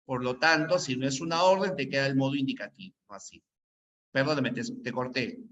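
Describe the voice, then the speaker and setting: Speaking fairly quickly in a medium-pitched, fairly bright voice, this teacher runs a classroom grammar lesson. He keeps repeating points and frequently tacks on "¿no?" to check in, all captured in a dull lo-fi recording.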